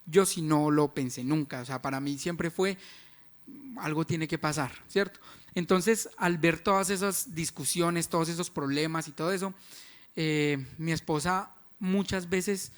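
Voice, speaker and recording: A man's voice: fairly high pitch, measured pace. A man, frankly telling the story of his marriage in a church testimony. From Colombia. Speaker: husband sharing a testimony.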